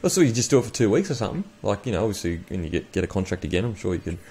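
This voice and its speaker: A man's voice: on the low side, big pitch swings, very fast, darkish tone, slightly rough. A man hosting a podcast in a casual, blokey, slangy interview style, peppering his talk with matey terms. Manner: blokey, slangy, says bro and man often. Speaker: podcast host.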